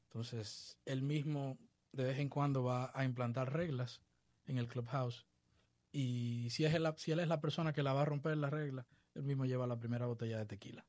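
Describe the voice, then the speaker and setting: Man, from the Dominican Republic, baseball coach, measured, reflective, dry close sound. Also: mid-range voice, steady tone, a little mellow, no room sound. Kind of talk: podcast interview.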